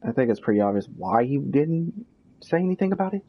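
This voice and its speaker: A man's voice: mid-range voice, sing-song, fairly quick, highs cut off, slight background noise. A male streamer giving sarcastic, joking commentary over a game. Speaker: gaming streamer. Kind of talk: casual commentary over gameplay.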